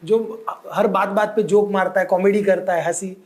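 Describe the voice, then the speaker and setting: A man's voice: sits high, fairly even intonation, normal speed. A man co-hosting a podcast, speaking earnestly in casual chat and mixing in English words.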